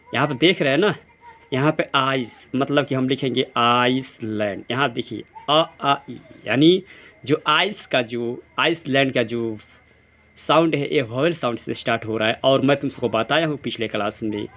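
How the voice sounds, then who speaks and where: In a classroom or study centre, a male teacher goes over grammar quiz answers in a medium-pitched, slightly bright voice. He poses questions and answers them himself, reading example sentences slowly, word by word. The sound is dull and lo-fi.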